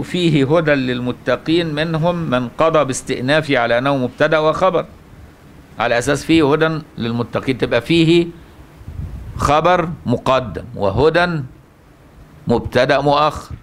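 A man's voice: fairly high pitch, moderate pace, pauses often, a little hiss or hum. Egyptian man teaching a Quran lesson. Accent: Egyptian Arabic. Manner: asks the listener rhetorical questions and answers them. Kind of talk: religious lesson.

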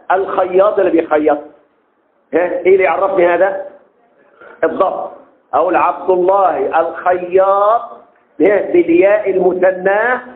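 A man with an Egyptian accent teaching a class, drawing out key terms slowly and constantly asking the students rhetorical questions. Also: high-pitched. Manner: slow and drawn-out on key terms. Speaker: teacher of Arabic text verification. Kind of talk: classroom lecture. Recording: echoey room over a tinny phone-like line.

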